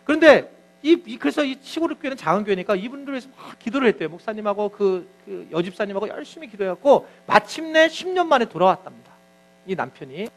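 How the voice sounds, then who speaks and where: Man, pastor, sermon, very high voice, lively swooping delivery, animated storyteller. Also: quick pace. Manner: animated storytelling, acts out quotes.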